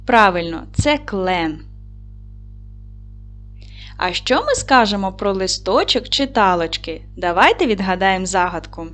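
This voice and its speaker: A woman teaches young schoolchildren in a video lesson, dictating clearly and leading them step by step. She speaks slowly and clearly in a dictating tone, with lively pitch.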